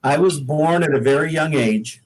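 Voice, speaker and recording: A middle-aged American singer-songwriter from Oregon appears as an interview guest over a laptop video call, easygoing and jokey in casual conversation. His voice is fairly high and normal in speed, and the recording quality is low.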